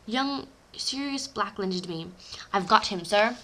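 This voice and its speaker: A woman reading aloud, voicing a huge, soft-hearted male giant in her own reading voice. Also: medium pitch, animated, slow, a little hiss or hum. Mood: earnest.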